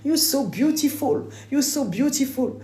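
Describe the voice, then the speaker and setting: A woman's voice: high-pitched, lively intonation, measured pace, warm tone, reverberant, a little hiss or hum, voice pushed up. A woman mimicking gushing American women who fawn over her, mixing English and French.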